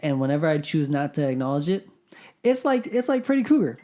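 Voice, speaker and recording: A woman's voice: low voice, big pitch swings, a little fast, dark tone. A woman podcast co-host in casual chat, laid-back and teasing, cracking jokes between questions.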